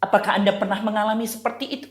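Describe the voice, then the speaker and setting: A woman pastor with an Indonesian accent preaching a sermon, telling a story with animated, acted-out quotes. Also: racing. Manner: animated storytelling, acts out quoted voices with raised pitch. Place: church. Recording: echoey church hall.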